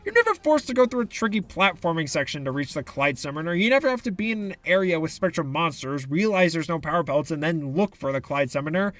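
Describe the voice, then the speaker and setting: Man, game review commentary, exasperated, sarcastic, lively pitch. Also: fast talker, few pauses, no room sound. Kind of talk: commentary video essay.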